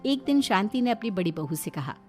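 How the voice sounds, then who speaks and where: A woman's voice: mid-range voice, big pitch swings, fairly quick, darkish tone, soft background music. Woman narrating a cartoon story.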